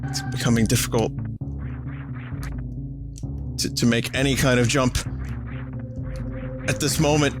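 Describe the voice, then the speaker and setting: A man's voice: steady tone, measured pace, long pauses. A man streaming a video game live, muttering self-mocking commentary to himself as he plays. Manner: self-mocking, muttering to himself, bursts into high-pitched screams. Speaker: gaming streamer. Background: game music.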